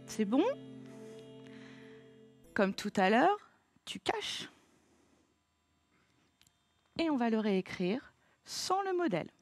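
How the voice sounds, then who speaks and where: Patient woman teacher with a lively voice. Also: fairly high pitch, dry recording, faint music behind. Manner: slow, patient, spells letter by letter. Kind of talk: spelling lesson for a child.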